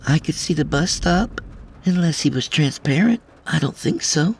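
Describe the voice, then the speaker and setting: Little schoolgirl voice, hesitant and polite, high and gravelly, put on by a man. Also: expressive, moderate pace. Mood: matter-of-fact. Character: timid little schoolgirl on a bus.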